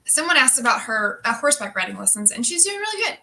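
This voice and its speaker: A woman's voice: high-pitched, very animated, quick pace, bright, forceful tone. A woman in her late thirties co-hosting a family livestream, chatting with many fillers as she tells stories. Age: late 30s. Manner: chatty, filler-heavy storytelling. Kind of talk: casual livestream chat.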